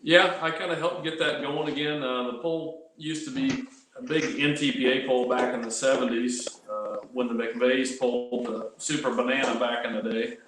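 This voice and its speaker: A man's voice: medium pitch, steady tone, moderate pace. An American man from Illinois talking casually as an interview guest. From Illinois, United States. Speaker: guest, funeral director and tractor puller. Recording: very echoey room, faint noise.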